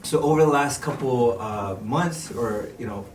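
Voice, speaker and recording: A man in casual chat, talking about his business in an animated, slangy way. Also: medium pitch, normal speed, echoey room, far from the mic, a little hiss or hum. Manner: animated, slangy, talks through numbers. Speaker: app business owner.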